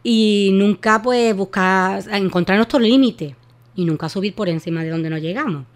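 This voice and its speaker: A woman's voice: medium pitch, moderate pace. A woman giving voice care advice in a radio interview, explaining with many fillers and restarts. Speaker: voice therapist guest.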